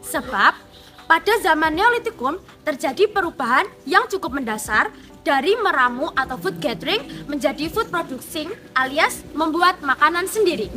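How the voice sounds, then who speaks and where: Brief: woman student, bright animated read-through over faint music. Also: sits high, moderate pace. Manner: steady, read-aloud delivery. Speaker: student presenter. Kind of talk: reading a history explanation.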